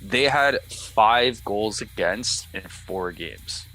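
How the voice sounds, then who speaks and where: A man co-hosts a casual gaming stream in a low voice with a bright, forceful edge. He reads out game stats and cracks jokes at the host. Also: lively intonation, faint music behind, rough recording. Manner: quick and joking, reading out game stats. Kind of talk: casual live-stream chat.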